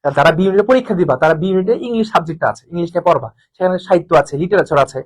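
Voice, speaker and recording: A Bangladeshi Bengali-accented male tutor with a high voice gives an informal exam-prep lecture. He talks fast, repeats key terms and keeps asking his students rhetorical questions. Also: expressive, poor audio. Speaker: admission coaching tutor.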